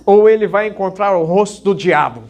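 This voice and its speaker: A man with a Brazilian accent preaching an evangelical sermon as pastor, exhorting with repeated phrases and pauses for emphasis. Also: high voice, darkish tone. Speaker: pastor preaching at a church service. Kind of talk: evangelical sermon with altar call. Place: church service, music playing behind.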